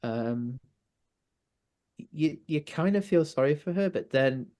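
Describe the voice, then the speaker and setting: A man with a North Welsh accent, a podcast guest chatting casually, hesitant with many pauses and restarts. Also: fairly high pitch, animated, warm tone. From North Wales. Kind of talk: casual chat.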